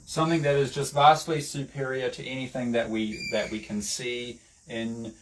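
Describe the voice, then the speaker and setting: A man's voice: mid-range voice, little pitch movement. A man with a New Zealand accent giving a rambling, casual lesson, full of fillers and restarts. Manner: halting, many fillers and restarts. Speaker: online lecturer. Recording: distant mic with faint background noise.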